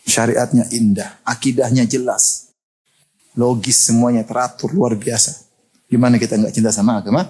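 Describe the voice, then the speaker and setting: A middle-aged man from Indonesia preaching a sermon, animated and joking and often laughing. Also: medium pitch, moderate pace, husky.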